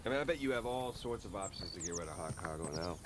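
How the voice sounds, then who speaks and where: A man's voice: sits low, expressive, fast talker. An actor playing a chatty, slightly nervous male adventurer with a conversational, wordy manner in a video game. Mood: friendly, chatty. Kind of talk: naturalistic video game voice acting. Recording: loud motor vehicle noise behind voice.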